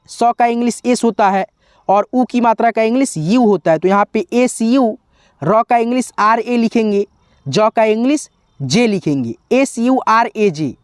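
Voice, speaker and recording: Slow patient male tutor, dry close sound. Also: high voice, smooth, no room sound. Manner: slow, repetitive, spells letters out one by one; keeps addressing viewers as friends. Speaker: teacher. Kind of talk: tutorial explaining spelling on a board.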